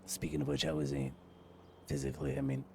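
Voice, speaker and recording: A man's voice: a bass voice, big pitch swings, fast, gravelly, a little hiss or hum. A man in a casual in-character roleplay conversation, asking questions and chatting along. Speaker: roleplay player.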